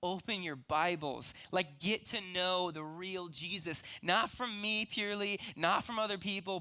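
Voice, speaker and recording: A man's voice: high voice, pushed and bright. A young man preaching a sermon as pastor, earnest and conversational, with frequent restarts.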